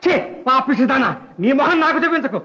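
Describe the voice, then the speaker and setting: A man's voice: very high voice, animated, a little fast, muffled recording, crowd noise. An actor playing a hot-tempered, blustering middle-aged father in a comic family scene. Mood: furious. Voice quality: shouting, blustering outbursts. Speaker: father in a film. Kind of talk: 1970s film acting.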